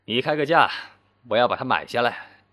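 A wealthy, contemptuous man around thirty, as a narrator voices him. He speaks with haughty menace while bargaining, his pitch moving animatedly. Storybook style. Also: lively intonation, moderate pace, bright, forceful tone. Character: rich, scornful man about thirty, menacing.

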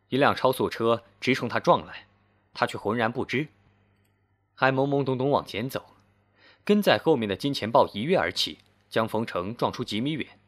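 Expressive male storyteller. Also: lowish voice. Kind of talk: scripted narration.

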